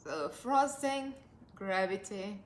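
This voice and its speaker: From a sofa in her living room, a beauty vlogger in her forties from Russia gives an upbeat, chatty makeup review in a Russian accent, laughing frequently. Her mid-range voice is animated but slow, the sound is roomy, and there's a little hiss or hum.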